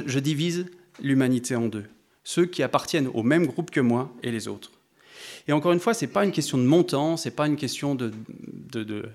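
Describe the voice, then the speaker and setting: A man preaching a sermon to a congregation, thoughtful and conversational, often pausing and restarting as he addresses his listeners directly. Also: mid-range voice, a little mellow.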